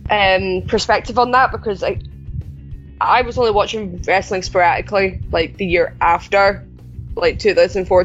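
A woman's voice: mid-range voice, lo-fi sound. A woman with a mixed Edinburgh and Glasgow Scottish accent, hosting a podcast in a casual, chatty style. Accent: Scottish, Edinburgh and Glasgow mix. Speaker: podcast host. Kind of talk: casual chat.

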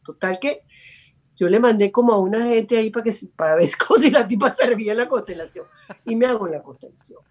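An actress telling stories as a guest on a video call, chatty and quoting herself. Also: female voice, fairly high pitch, quick pace, darkish tone, husky. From Venezuela. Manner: chatty, tells stories, acts out her own quotes. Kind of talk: casual interview chat.

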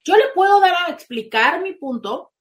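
A woman's voice: very high voice, normal speed. A woman hosting a casual advice talk as a therapist, speaking emphatically and acting out little quoted exchanges. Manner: emphatic, animated, slips into quoted voices. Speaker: host and therapist.

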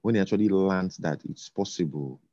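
Very deep-voiced man, halting talk. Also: mellow, no room sound. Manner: halting, repeats words, many fillers. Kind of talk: casual conversation. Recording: dull lo-fi sound.

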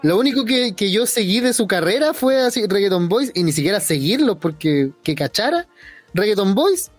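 A woman's voice: medium pitch, big pitch swings, moderate pace, soft background music. A Chilean woman chatting casually in a teasing, jokey way. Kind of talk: casual chat.

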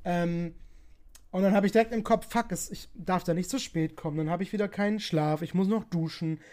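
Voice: mid-range voice, a little fast, darkish tone. A podcast host and streamer in casual chat, rambling with many fillers and laughing often.

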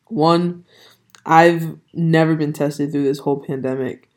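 A young adult host talks alone on a casual podcast, their medium-pitched voice still hoarse and not fully recovered. The pace is unhurried and the delivery flat and even, with little rise and fall. They ramble from point to point, correcting themselves, with many ums and restarts.

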